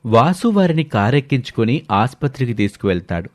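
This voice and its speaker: A man narrating a scripted story in a steady, matter-of-fact way. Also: mid-range voice, fairly quick, no room sound.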